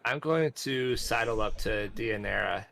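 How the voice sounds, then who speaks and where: A man's voice: lowish voice, a little slow, creaky, a bit bright. A man talking casually as a player in a tabletop role-playing game.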